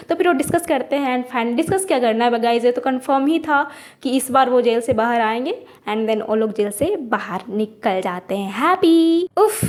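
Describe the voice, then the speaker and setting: Female show reviewer, high voice, indignant ranting delivery. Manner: indignant, ranting, mixes English words. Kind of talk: casual video commentary.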